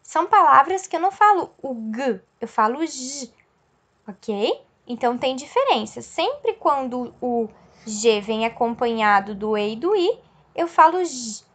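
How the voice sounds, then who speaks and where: A woman's voice: high-pitched, animated, fairly bright tone. A woman teacher explaining a lesson patiently, checking in with her class and stretching out example words. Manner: slow, explanatory, checks in with "certo?" and "ok?".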